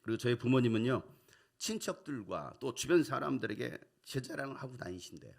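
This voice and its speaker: A man's voice: mid-range voice, animated, fairly quick, vocal fry. A middle-aged male pastor preaching a sermon, telling a personal story and acting out the voices of his family.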